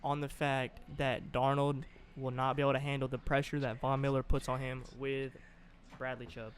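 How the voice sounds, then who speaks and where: Man, casual sports chat, measured reasoning, mid-pitch voice, faint noise in background. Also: little pitch movement.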